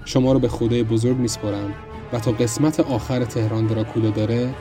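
A man narrating a first-person horror story in a grim, low tone, also hosting the podcast. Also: fairly even intonation, music in the background.

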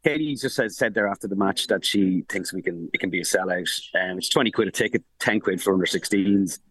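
A man, a sports journalist calling in from abroad who gives rapid, animated football analysis full of restarts and fillers. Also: deep voice, husky, no room sound, low-quality recording. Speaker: sports journalist reporting from the tournament. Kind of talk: casual podcast analysis. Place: remote link from abroad.

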